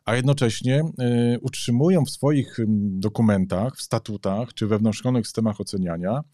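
Deep, mellow-voiced man musing hesitantly. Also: normal speed, no room sound, clean studio sound. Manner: searching for words, hesitant, many "y" fillers. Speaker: podcast co-host. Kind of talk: conversational podcast discussion.

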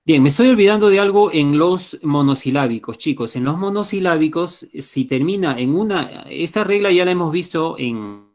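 A male English teacher with a Peruvian Spanish accent, his fairly high voice lively in intonation, talks at a normal speed with few pauses. He's teaching a live online lesson through a computer microphone, walking through each step patiently and repeatedly stopping to confirm his students are keeping up.

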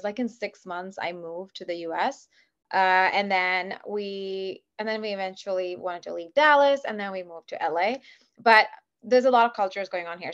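Her voice is mid-range and fairly bright: a woman in her thirties from Kuwait who founded a business, guesting on a podcast via video call from her home office. The casual interview finds her eager and talkative, with many fillers, though the lo-fi call audio comes across dull.

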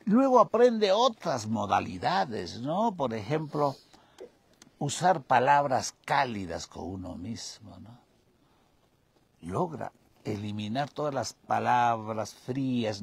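A man, a spiritual guide telling a parable slowly, with long pauses. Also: mid-range voice, sing-song, creaky, breathy edge. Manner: slow, drawn-out storytelling with pauses.

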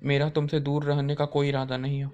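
A man's voice: on the high side, completely flat delivery, brisk, a little mellow, dull audio, natural voice. A man reading the lines of a stubborn young woman in his own voice, with no acting. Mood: defiant.

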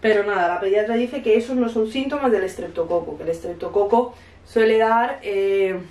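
Her voice sits mid-range with a darkish tone and a normal speed: a Spanish mother in her thirties, chatting casually to camera in her home kitchen. She tells a story with the dialogue acted out, speaks with an accent from Spain, and coughs now and then from a cold.

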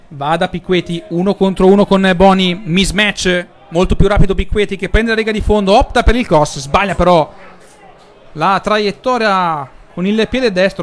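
A man with an Italian accent giving live football commentary, rising into excitement when chances come. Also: high-pitched.

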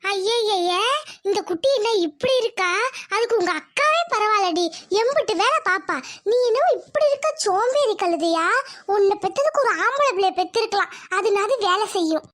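Woman doing a nagging village mom in a cartoon, shrill high scolding. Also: lively intonation, normal speed, fairly bright tone. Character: scolding village mother, middle-aged.

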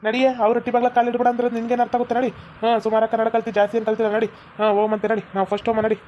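A woman's voice: fairly high pitch, little pitch movement, rapid-fire, highs cut off, slight background noise, natural voice. A woman voicing a stubborn, sulky young man in love in a comedy cartoon. He speaks with a North Karnataka Kannada accent and insists by repeating himself. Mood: determined.

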